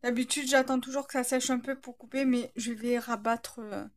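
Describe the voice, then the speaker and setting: A woman's voice: a little high, steady tone, normal speed. A woman with a slight lisp, hesitantly thinking aloud as she narrates a casual craft tutorial.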